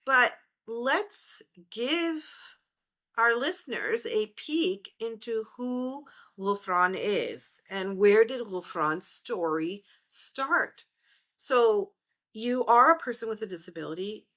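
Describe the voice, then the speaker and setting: A middle-aged woman hosting a podcast interview, speaking in a measured, reflective way. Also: fairly high pitch, expressive, a bit bright. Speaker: podcast host.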